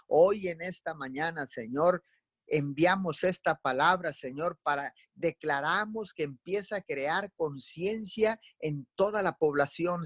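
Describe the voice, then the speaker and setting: A man's voice: on the high side, husky, dry recording. A man leading a fervent live prayer, calling on the Lord between every phrase.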